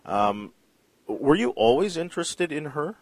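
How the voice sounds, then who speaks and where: A man's voice: a little high, big pitch swings, measured pace, no room sound. A male radio interview host who reads a formal introduction and asks questions, stammering often. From Canada.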